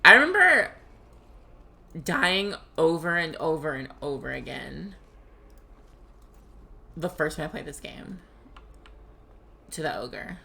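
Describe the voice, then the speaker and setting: Animated woman streaming a game, lowish voice. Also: slow pace, gravelly, long pauses, a little hiss or hum. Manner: animated, talks to the game and viewers. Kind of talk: casual let's play commentary.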